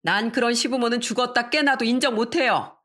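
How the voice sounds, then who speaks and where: A woman voicing a fiery, loyal younger sister-in-law who talks back loudly and defiantly. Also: on the high side, a little fast, voice pushed up. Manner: loud, defiant.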